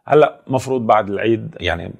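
Brisk Lebanese man singer. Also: fairly low pitch, vocal fry. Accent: Lebanese Arabic. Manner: chatty, repeats words while searching. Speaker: guest singer. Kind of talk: interview answers.

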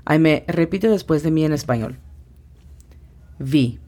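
Slow low-voiced woman teaching English. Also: lively intonation, warm tone. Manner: slow, careful pronunciation drills. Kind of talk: podcast language lesson.

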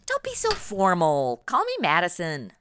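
A woman's voice: lowish voice, huge pitch swings, measured pace, a bit bright, a little hiss or hum, full character voice. An actress playing a flippant, sassy young modern woman who fancies herself a sleuth, chatting in slang in a comedic radio drama. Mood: breezy, bossy.

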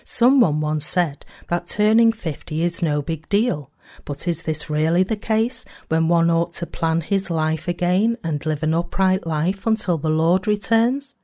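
A woman reading a sermon aloud in a measured, earnest way, slowing down on key phrases. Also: fairly low pitch, warm tone. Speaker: sermon reader.

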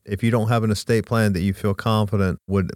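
Deep, smooth-voiced man talking emphatically. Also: steady tone, fairly quick, darkish tone, dry recording, studio quality. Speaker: estate planning advisor, podcast guest. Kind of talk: conversational anecdote and advice.

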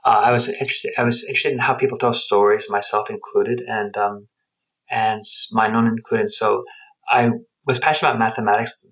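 Through a low-quality recording comes a fairly low, steady, slightly bright voice speaking a little quickly. The speaker, a middle-aged anthropologist and researcher from the United States and Guatemala, is an interview guest telling personal stories, thoughtful and emphatic, often putting things another way.

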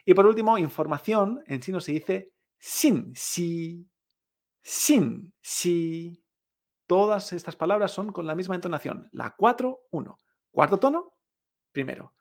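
Lively Spanish-speaking Chinese teacher, gravelly. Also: female voice, mid-range voice. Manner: lively, drills words slowly, frequent tag questions. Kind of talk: podcast lesson.

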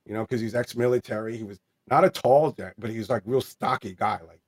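As a guest in an interview, a man in his forties speaks fairly quickly in a voice on the low side. He recounts a candid story from his life, rambling earnestly, often restarting and using lots of fillers.

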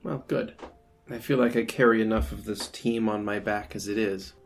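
A woman's voice: extremely low pitch, fairly even intonation, moderate pace, vocal fry, faint music behind. A man playing a proud, blunt female warrior in a tabletop game, with a sardonic, condescending manner.

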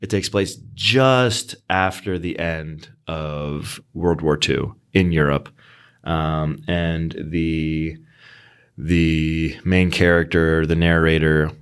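A man's voice: rumbling low, slow, clear, resonant tone. A man hosting a book podcast, chatting casually with frequent ums. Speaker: podcast host. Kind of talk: casual chat.

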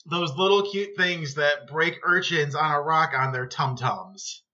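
Man co-host, playful banter, bright edge; slightly muffled mic. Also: a little high, a little slow. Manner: jokey, playful, teasing. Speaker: podcast co-host. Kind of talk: casual chat. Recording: dull lo-fi sound.

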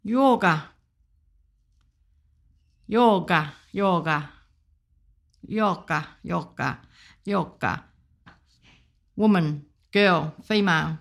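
A woman reading a pronunciation guide. She says each word several times, slowly and carefully, and then gives a short definition. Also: fairly low pitch, creaky. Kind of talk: slow, repeated word-by-word pronunciation.

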